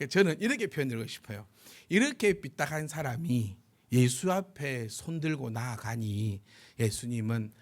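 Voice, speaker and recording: A male pastor giving a Sunday sermon, animated and joking about himself, acting out the voices he quotes. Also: mid-range voice. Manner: self-deprecating humor.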